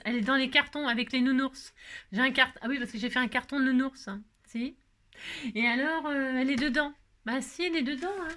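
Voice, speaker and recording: Woman chatting away on her craft vlog, rambly and full of fillers, voice a bit on the high side. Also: a bit bright. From France. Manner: rambling, self-interrupting, talks to viewers with many fillers. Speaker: craft video host.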